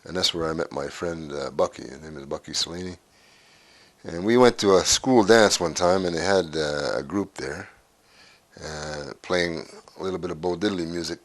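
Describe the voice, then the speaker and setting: In a documentary interview, a deep-voiced man from Canada, aged in his sixties, looks back on his life. His delivery is unhurried and hesitant, broken by frequent pauses, and the recording has no echo.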